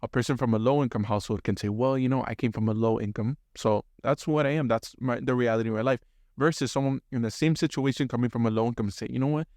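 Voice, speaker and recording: A male podcast host interviews his guest, asking probing questions in a conversational way. He talks quickly at an ordinary pitch, and the recording sounds dry and close. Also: fairly even intonation, a little mellow, no room sound.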